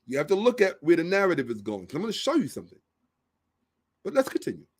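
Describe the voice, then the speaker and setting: A man's voice: high-pitched, wildly swooping pitch, quick pace, a little mellow. A man hosting a social commentary monologue, emphatic and repetitive, asking rhetorical questions. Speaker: host.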